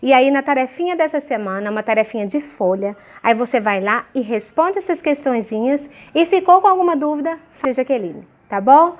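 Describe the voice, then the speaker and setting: Teacher lady, high voice, slow and careful with the kids, keeps asking ok?. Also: animated. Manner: slow, clearly syllabified examples with frequent checking questions. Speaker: primary school teacher. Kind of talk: remote lesson for young children.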